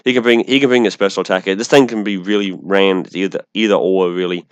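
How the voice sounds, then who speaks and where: A man giving casual, unscripted game strategy commentary in a halting, rambling way, with a speech impediment that makes his R's sound like W's. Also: low-pitched, steady tone, smooth, no echo, dull audio. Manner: rambling, halting, with false starts and self-corrections. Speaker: online gamer presenting an opposing team.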